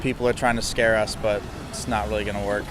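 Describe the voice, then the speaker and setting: A man being interviewed outdoors on a city street, speaking calmly and conversationally. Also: on the low side, quick pace, background noise. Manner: calm, conversational. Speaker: passer-by interviewed.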